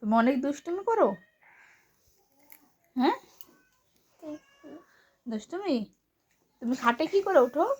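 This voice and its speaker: A woman filming her young daughter at home at night, talking to her in a playful, coaxing, hushed way. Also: high-pitched, expressive, normal speed, pauses often. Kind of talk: casual home video chat with a child.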